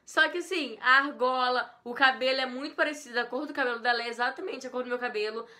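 Bright high-voiced Brazilian woman. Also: quick pace. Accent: Brazilian Portuguese. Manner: playful, self-mocking, exaggerated intonation. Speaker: youtuber host. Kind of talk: reaction vlog chat.

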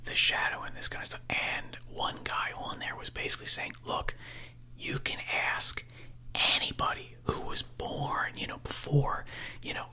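A man in his thirties chatting casually on the phone in a breathy ASMR whisper, close to a desktop microphone in a small room. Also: very high-pitched, huge pitch swings, a little slow, pushed and bright. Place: small room indoors at home. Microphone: close desktop condenser microphone.

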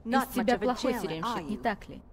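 A woman's voice: on the high side, a little fast, a little hiss or hum, close to an everyday voice. A woman playing a defiant female warrior in a dubbed video game, composed and cutting. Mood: cool, taunting.

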